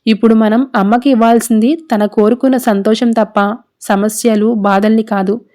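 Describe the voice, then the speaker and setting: A woman's voice: a little high, flat delivery, moderate pace, mellow, natural voice. A woman reading as a firm young heroine. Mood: reproachful. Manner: firm, reproachful. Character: defiant young woman scolding her family. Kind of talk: serial recap narration.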